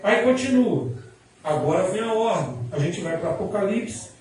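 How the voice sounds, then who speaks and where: High-voiced Rio preacher in echoey church. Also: male voice, big pitch swings, moderate pace, darkish tone, slight background noise. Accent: Rio de Janeiro Portuguese. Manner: conversational, storytelling preaching with casual slang. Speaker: pastor. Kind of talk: sermon. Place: church service. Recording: very echoey church, mic at a distance.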